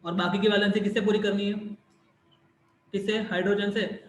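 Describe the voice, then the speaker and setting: A man's voice: sits high, flat delivery, normal speed, echoey room, a little hiss or hum, low-quality recording. A man teaching a chemistry class online, repeating questions and answering them himself, with bits of English mixed in.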